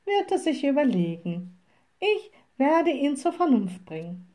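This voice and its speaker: A sly, playful little old witch from a storybook, as a woman reader puts her on. She speaks high and sweetly teasing, unhurried, with a warm, soft tone. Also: sing-song. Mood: soothing firm.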